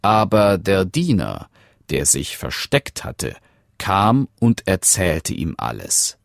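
A man reads a fairy tale in a deep, unhurried voice that rises and falls with lively expression. The sound is close and dry, with no room echo. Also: gravelly. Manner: measured, expressive storytelling. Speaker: narrator. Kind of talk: storybook fairy-tale reading.

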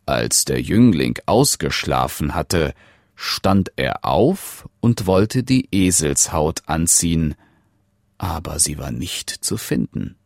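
Deep, slow fairy-tale narrator. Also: male voice, creaky, dry recording, clean studio sound. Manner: measured, expressive storytelling. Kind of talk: storybook fairy-tale reading.

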